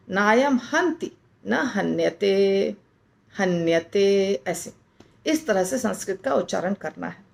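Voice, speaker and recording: A woman's voice: medium pitch, gravelly, darkish tone. A woman teaching how to pronounce a Sanskrit verse, repeating each word many times and breaking it into its letters. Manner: repeats words over and over, breaking them into letters. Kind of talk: slow spoken pronunciation lesson.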